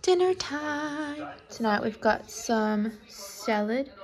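This young vlogger from New Zealand is bubbly and giggly, talking casually into a handheld camera outdoors in a city and inside a car. Her high-pitched voice has lively intonation and she takes it slowly, with background noise and music under her speech.

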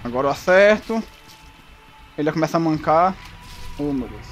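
Excitable gamer yelping. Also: mid-range voice, moderate pace, faint music behind. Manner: excitable, yelps and shouts at the game; talks to the enemy, playful teasing. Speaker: gaming youtuber. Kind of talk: live gameplay commentary.

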